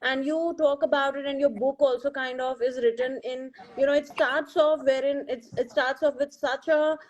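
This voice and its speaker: A woman's voice: high-pitched, steady tone, moderate pace, dull audio. A woman hosting a book club interview over a video call, effusive and loose, leaning on fillers and restarts. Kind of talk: casual interview chat.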